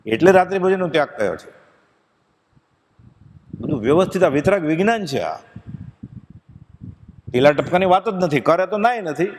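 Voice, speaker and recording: Man, devotional discourse, fairly high voice, long hall reverb. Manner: expressive storytelling, recites verses slowly. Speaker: spiritual discourse speaker. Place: pilgrimage satsang gathering.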